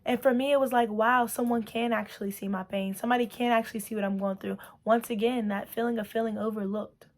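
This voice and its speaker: A woman's voice: fairly high pitch, fairly even intonation, quick pace, hardly any pauses. A woman tells her personal testimony to the camera. She speaks earnestly and with emotion. Her talk loops back on itself, full of repeats and "like".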